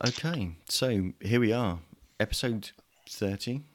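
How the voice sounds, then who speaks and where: A hesitant English man hosting a podcast over a video call. His voice sits a little low, and he fills his sentences with ums and restarts as he chats. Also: measured pace, background noise. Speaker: podcast host. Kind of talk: casual chat.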